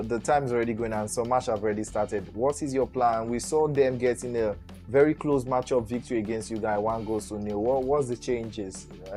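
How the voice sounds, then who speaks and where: A man hosting a live esports stream from Nigeria, interviewing team managers in an energetic way and often repeating words. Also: mid-range voice. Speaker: host.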